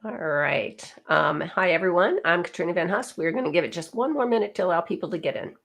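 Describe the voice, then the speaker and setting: A woman's voice: lowish voice, expressive, fairly quick, creaky, a bit bright. A middle-aged woman with a light Southern US accent hosting a webinar while she has a cold, chatty and full of ums. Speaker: webinar host.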